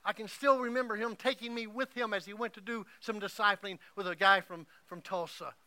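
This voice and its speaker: Middle-aged male pastor, emotional storyteller, sharp bright tone, dry recording. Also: sits high, steady tone, brisk, no room sound. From Oklahoma. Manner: emotional storytelling, swings from hushed to loud. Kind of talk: sermon.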